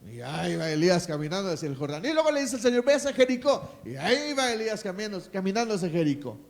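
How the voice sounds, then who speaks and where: A man's voice: high voice, very animated, very fast, vocal fry. A man with a Mexican accent preaching a sermon as pastor, emphatic and calling for responses from the congregation.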